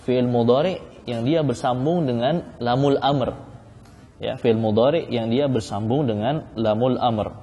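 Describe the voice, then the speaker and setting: A man's voice: mid-range voice, unhurried, dark tone. Man teaching in a reverberant hall. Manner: explains by repeating key phrases, asks the class questions. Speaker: Islamic studies teacher. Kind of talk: classroom lecture on legal theory.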